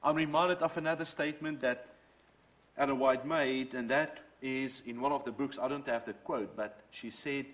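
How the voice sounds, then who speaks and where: Delivering a sermon with personal testimony, a middle-aged native Dutch speaker uses a mid-range, fairly bright voice with fairly even intonation at a moderate pace. He tells his faith story earnestly, like a storyteller, quoting from books along the way.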